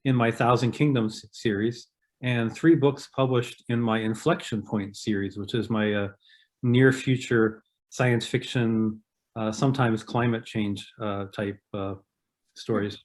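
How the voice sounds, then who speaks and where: A man's voice: mid-range voice, fairly even intonation, a little mellow. A man chatting casually on a podcast, teasing his friends and restarting his words. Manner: teasing, halting with repeats. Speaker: podcast co-host and author. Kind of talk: casual chat.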